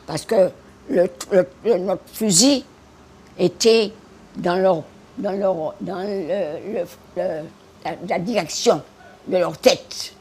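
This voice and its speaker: A woman's voice: fairly low pitch, a little mellow, slight background noise. A 100-year-old woman from Guiana, recalling the war in an interview. She stammers and repeats herself, then drives her points home with emphatic exclamations. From French Guiana. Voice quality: gravelly. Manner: halting and repetitive, stammering over words; emphatic, with sound effects and defiant exclamations. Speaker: interviewee, war veteran and retired teacher. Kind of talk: spoken war memories in an interview.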